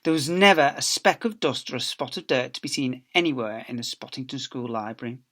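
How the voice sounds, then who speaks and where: A teacher reads a children's story aloud in a medium-pitched, fairly bright voice at a fairly quick pace. He tells it expressively, leaning on theatrical emphasis and letting phrases trail off at the end.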